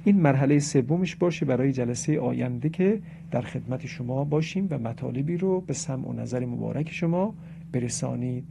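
A man with a gravelly, mid-range voice teaches a religious lesson on correct Quran pronunciation, lecturing as he explains and reciting Arabic examples. The recording is dull and lo-fi, with faint noise.

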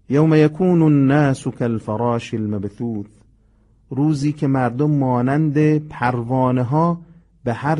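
A man's voice: mid-range voice, mellow. Man patiently teaching Quran recitation. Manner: explains patiently, slowly demonstrates Arabic pronunciation. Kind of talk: recitation lesson.

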